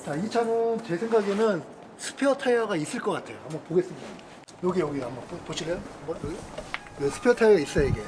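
A middle-aged man talks through a hands-on car demo in a chatty, exclaiming way, with a high and very lively voice. He is outdoors in a parking lot, with a faint hum of ambience behind him. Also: fast. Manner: chatty, exclaiming, grumbles at carmakers. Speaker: car channel host. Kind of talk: casual hands-on car demonstration.

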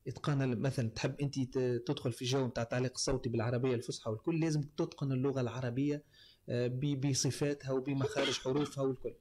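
Fast-talking Tunisian man explaining. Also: mid-range voice, steady tone, darkish tone. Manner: explains in numbered points, frequent fillers. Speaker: voice-over artist, guest. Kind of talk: casual interview talk.

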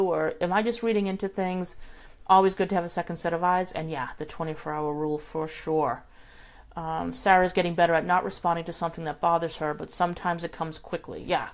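A middle-aged woman hosting a casual live talk, chatty and relaxed, answering viewer comments with lots of fillers and restarts. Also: fairly low pitch. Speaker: host.

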